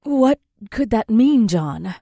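A high, formal warrior princess. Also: male voice, lively intonation, takes it slowly, vocal fry, mellow, no room sound, studio quality, heavily acted. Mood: thoughtful. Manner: stiff formal old-fashioned phrasing. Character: eager bloodthirsty young warrior princess, formal.

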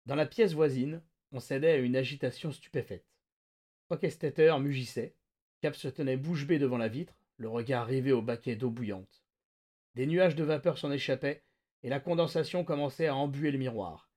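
A man hosting a podcast, reading a novel aloud with lively, dramatic narration. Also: mid-range voice, moderate pace. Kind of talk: expressive read-aloud narration.

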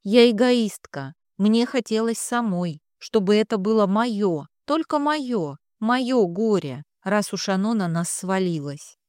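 A woman voicing a quiet, grieving young woman in an audiobook, speaking softly. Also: medium pitch, animated, takes it slowly, hardly any pauses, no room sound, studio quality. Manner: quiet, subdued.

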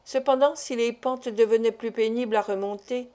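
Woman reading an old novel out loud, slightly high voice, steady and measured. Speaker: audiobook reader. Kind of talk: scripted narration.

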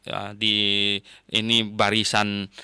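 A man gives a Bible teaching to his listeners with a bright, crisp voice recorded dry and close. He tells stories casually and repeats his phrases. When he drives a point home, his pitch climbs. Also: monotone, slow pace, no echo. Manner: storytelling, repeats phrases with tag words.

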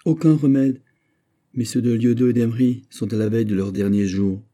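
A grave, commanding nobleman plotting in hushed urgency, as a male audiobook reader puts him on. The voice sits higher than the reader's own and carries a dark, mellow tone. Every word sounds weighed and ominous. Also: steady tone, moderate pace, close to an everyday voice. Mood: urgent, grave. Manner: low, urgent, ominous delivery. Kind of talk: audiobook character reading.

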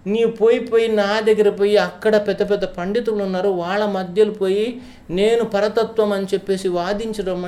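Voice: mid-range voice, darkish tone, close to an everyday voice. Storyteller as timid temple devotee, humble, pleading, self-doubting. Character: humble, timid male temple garland maker.

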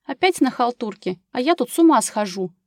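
An overworked, anxious young woman from an audiobook, voiced by the woman reading it, tense and quick to flare up. Her voice sits high and pressed. The recording is close and dry. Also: expressive, no echo.

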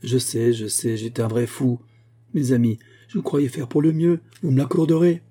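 A man reads as a humble young painter who sighs and murmurs, soft-spoken and subdued. The voice is very dark and husky. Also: medium pitch, steady tone, moderate pace, lightly acted. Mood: sheepish. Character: poor, meek young male painter, gentle and sighing.

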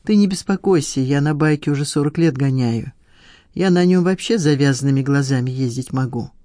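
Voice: medium pitch, a little fast, dark tone, no echo, clean studio sound, lightly acted. A narrator voicing an aging hippie biker man who talks in casual, teasing, boastful banter.

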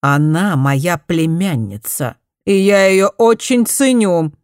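A woman reading an audiobook, voicing a stern, prim aristocratic mother who speaks slowly and disapprovingly. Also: lowish voice, lively intonation, a little mellow, smooth, no echo, studio quality.

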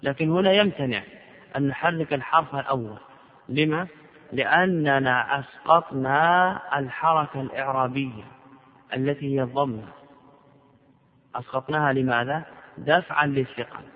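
A male teacher delivers a measured classroom lecture at a mid-range pitch. He keeps posing questions and answering them himself. The sound is dull and lo-fi, with a long reverb trailing behind him in a large hall. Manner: deliberate, poses and answers his own questions. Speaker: sheikh teaching grammar.

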